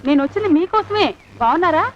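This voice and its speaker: A woman's voice: extremely high pitch, expressive, fast talker. An actress playing a pushy, coy woman who insists she was his wife in a past life. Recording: dull film soundtrack, faint noise.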